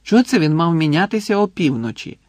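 A man's voice: a little high, big pitch swings, fast talker, a little mellow, dry recording, pitched above the performer's own voice. Impatient teenage boy hero read by a man, raised and urgent. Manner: urgent, exclaiming.

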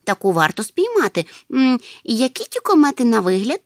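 A woman voicing a slow-witted, mild-mannered male creature obsessed with rare insects, who mutters to himself. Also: a little high, sing-song, dry recording, studio quality, voice pushed up. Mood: pedantic.

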